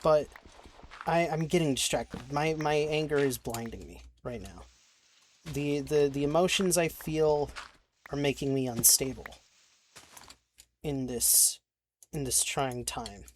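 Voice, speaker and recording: On the high side and slow, with long pauses, a young let's-play creator narrates his game. His commentary rambles with frustration, swearing, and restarted sentences. Slight background noise and faint keyboard clicks are in the background.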